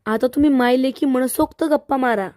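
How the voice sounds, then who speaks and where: A woman's voice: high-pitched, brisk, darkish tone, no echo, clean studio sound, lightly acted. Woman voicing an earnest young wife.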